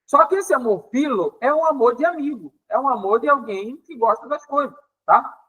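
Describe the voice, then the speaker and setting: A man's voice: very high-pitched, expressive, moderate pace, bright, forceful tone, slightly rough, rough recording. A man with an accent from Pará teaching a Bible lesson, explaining Greek words and acting out dialogue with playful exasperation. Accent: Paraense Brazilian Portuguese. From Pará, Brazil. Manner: explanatory, with frequent "tá?" check-ins.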